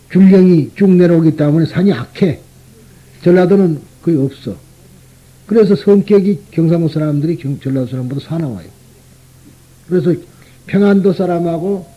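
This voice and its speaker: Male Buddhist monk, high husky voice, chatty sermon full of rhetorical asides, dull lo-fi recording. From Gyeongsang region, Korea. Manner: conversational, often tags rhetorical questions to the listeners.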